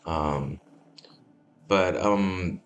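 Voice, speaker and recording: Just out of bed, this let's-play host talks extremely slowly in a low-pitched, scratchy, drowsy morning voice. He runs a laid-back gameplay podcast, rambling easily and leaning on plenty of fillers and restarts.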